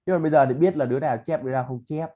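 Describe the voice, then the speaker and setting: A man's voice: on the high side, rapid-fire. A man chatting casually and then teaching pronunciation, explaining and repeating example words. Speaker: English tutor. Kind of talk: casual chat and pronunciation lesson. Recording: tinny phone-like line.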